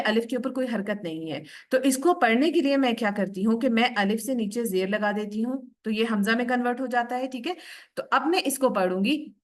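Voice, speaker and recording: A woman teaching Quran recitation in a recorded online lesson. She explains patiently, asks questions and answers them herself, and slows right down to recite each example word carefully. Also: a little high. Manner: slows down sharply to recite Arabic words carefully.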